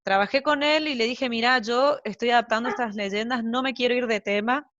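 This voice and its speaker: In a relaxed interview, a translator with an Argentine Spanish accent talks a little fast in a fairly high, slightly bright voice. She's a young-to-middle-aged mother of small children who rambles chattily, full of fillers and side comments. There's no room sound, and the audio is dull.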